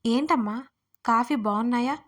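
A woman voicing a scheming, fawning female house servant who drags out her words in wheedling flattery. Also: on the high side, normal speed, natural voice.

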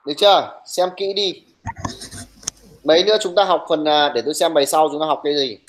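Brisk, teasing male teacher with a higher voice. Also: steady tone, poor audio. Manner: brisk and teasing, scolds students bluntly. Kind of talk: online class talk, taking attendance.

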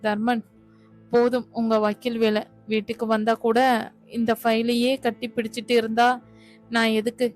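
A woman voicing a young teacher wife who scolds her busy husband, read in an even voice. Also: fairly high pitch, moderate pace, soft background music, close to an everyday voice. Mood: reproachful. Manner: reproachful, pleading. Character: young wife Mathi, a teacher, hurt and sulky.

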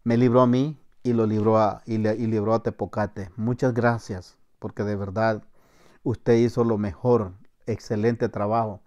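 A middle-aged Salvadoran man, a former soldier, telling a story to camera with acted-out shouted commands. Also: fairly low pitch, little pitch movement, normal speed, muffled recording. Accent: Salvadoran Spanish. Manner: acts out shouted commands, laughs, voseo slang.

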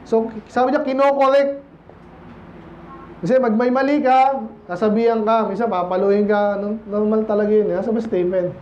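Pastor guy preaching sunday sermon, high voice, chatty, keeps asking the church for an amen, kinda dull recording w some faint hiss. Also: fairly even intonation, moderate pace, darkish tone. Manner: conversational preaching, calls out "Amen?" to the congregation; mixes English phrases into Tagalog.

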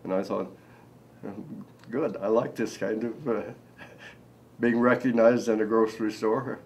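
An older man from Nebraska, an artist talking slowly and haltingly with many fillers in a seated indoor interview. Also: fairly low pitch, steady tone, a little mellow, poor audio. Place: indoor room.

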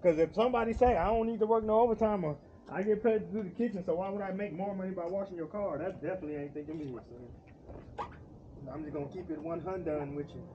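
A man's voice: high voice, quick pace. A middle-aged man, a father, chatting casually outdoors while washing a motorcycle, teasing and lecturing his son in slang. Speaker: vlogger and father. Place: outdoor driveway beside a house. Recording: dull outdoor sound with steady background noise.

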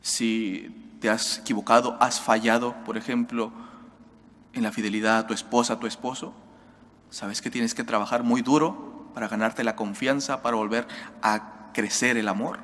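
Earnest priest preaching in a reverberant church. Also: male voice, medium pitch, fairly bright tone. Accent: Spanish. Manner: earnest, exhorting, direct address to listeners. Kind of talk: homily at daily Mass. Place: church sanctuary, at a lectern. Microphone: lectern microphone.

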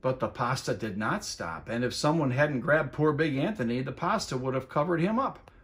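A man narrates a children's picture book with lively, expressive delivery. His pitch sits in the middle and moves around widely as the story unfolds. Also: moderate pace. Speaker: school superintendent reading a storybook. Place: indoors at home, seated area by a window.

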